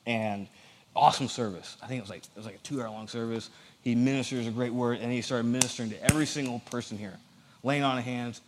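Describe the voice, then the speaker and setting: A man preaching a casual, lively sermon in a church, joking with the congregation. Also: mid-range voice. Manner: animated, joking asides to the audience.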